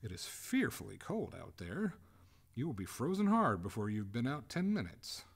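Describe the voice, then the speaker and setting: A man's voice: medium pitch, sing-song, moderate pace, gravelly, slightly rough, voice pushed up, heavily acted. A man voicing a female water ghost, a haughty lady given to imploring, in a storybook reading. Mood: haughty, reluctant. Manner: formal, melodramatic, imploring.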